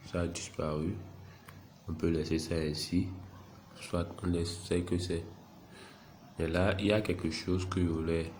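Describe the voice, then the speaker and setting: A software tutorial presenter with a head cold talks viewers through a screen-recorded app tutorial step by step in a low, monotone voice. He's unhurried and self-deprecating, narrating every click over a faint noise floor.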